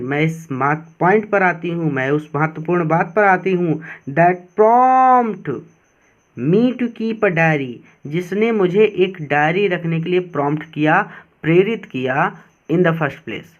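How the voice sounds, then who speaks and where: Male teacher, fairly high voice, unhurried line-by-line lesson delivery, slightly dull lo-fi sound. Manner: reads English lines slowly, then explains quickly in Hindi. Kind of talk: line-by-line English lesson explained in Hindi.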